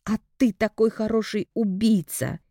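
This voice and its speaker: Furious young woman hurling accusations, read by a woman narrator; mellow voice, dry sound. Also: medium pitch, fairly even intonation, a little slow, no room sound, voice pushed up, close to an everyday voice. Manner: accusing, shouting. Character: angry betrayed young woman.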